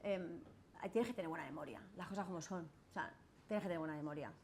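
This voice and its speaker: A woman's voice: on the low side, fast talker, darkish tone, slight background noise. Chatty Spanish woman lawyer lecturing. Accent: Spanish from Spain. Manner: chatty, asks "¿vale?" and "¿no?" often, acts out quoted voices. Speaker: lawyer giving a masterclass. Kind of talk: lecture to students with Q&A. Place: classroom.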